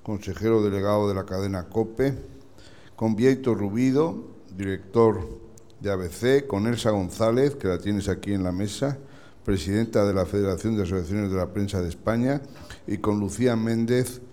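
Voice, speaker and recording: A man's voice: on the low side, moderate pace, mellow. A man hosting an event, making hesitant improvised remarks with fillers and restarts. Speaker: event host introducing the minister.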